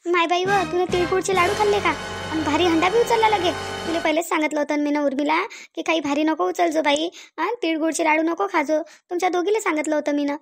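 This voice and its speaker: A woman playing a fussy middle-aged village mother in a cartoon, speaking with a Varhadi Marathi accent. Her voice is very high, and she repeats herself and keeps tagging her lines with questions. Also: steady tone, quick pace, vocal fry, music in the background. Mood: scolding. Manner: repetitive, nagging, tag questions.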